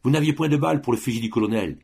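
A man voicing a young woman, a gentle but fiercely determined sister, in a soft husky voice raised above his own. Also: medium pitch, racing, voice pushed up. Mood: firm gentle.

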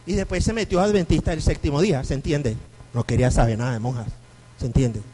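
Animated Venezuelan priest lecturing. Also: male voice, on the high side, fast talker, slightly rough, rough recording. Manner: animated storyteller, acts out quoted voices. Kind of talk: lecture to a parish group.

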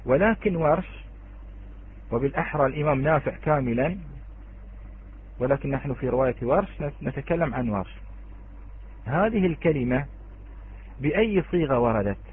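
A man teaching Quranic readings in an online lesson, speaking slowly, repeating key words and addressing his students directly. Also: mid-range voice, animated, husky. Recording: tinny phone-like online call.

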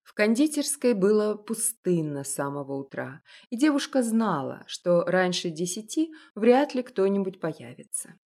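A woman narrating an audiobook in a calm, even storytelling manner. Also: medium pitch, normal speed, hardly any pauses.

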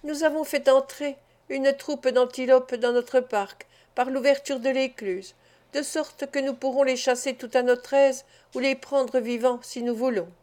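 A woman's voice: sits high, steady tone, measured pace, a little mellow. A woman reading the part of a bold teenage boy recounting a hunt in an audiobook. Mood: proud. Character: bold teenage boy, eldest son, keen hunter.

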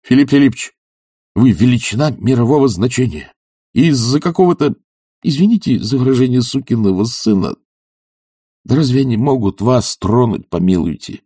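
A man's voice: mid-range voice, expressive, normal speed, dark tone, husky, no room sound, studio quality, pitched above the performer's own voice. A man voicing an earnest, devoted young doctor who pleads passionately and drops to urgent whispers. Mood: indignant.

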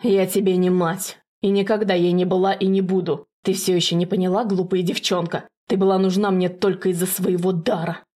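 A cruel older sorceress speaks in a hoarse, hissing voice, cold and commanding as she threatens her daughter. The tone sits a little low and quiet, with a rough, breathy grain. A woman reads her in an audiobook. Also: flat delivery, fairly quick, hardly any pauses, natural voice. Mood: menacing.

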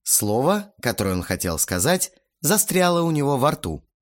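A man reading a novel aloud as an audiobook narrator, with lively, expressive delivery. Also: medium pitch, normal speed. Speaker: audiobook reader. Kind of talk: scripted narration.

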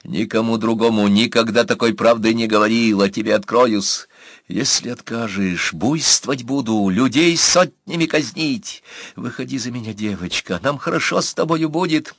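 A man's voice: mid-range voice, moderate pace, fairly bright tone, no echo, clean studio sound. A man doing a fat, bleating lecherous uncle. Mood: desperate. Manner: begging, cooing, bleating whisper. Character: short fat repulsive uncle pleading for love.

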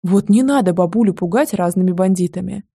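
A woman's voice: fairly low pitch, fairly quick, warm tone, breathy edge. A woman voicing a composed, polite male boss in a romance audiobook.

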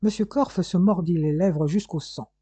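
An audiobook narrator giving a measured, expressive reading of a novel chapter. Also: medium pitch, husky, no room sound. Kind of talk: scripted narration. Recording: dull, dry lo-fi recording.

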